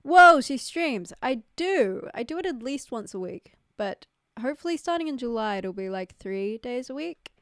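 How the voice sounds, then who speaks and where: A young New Zealand woman with a New Zealand accent chats casually on a livestream from her home setup in Queensland, reading viewer messages, laughing easily and filling her talk with "like" and "um." Her fairly high, fairly bright voice is smooth and lively, at a moderate pace with few pauses. A close-up studio mic gives clean sound with no room tone.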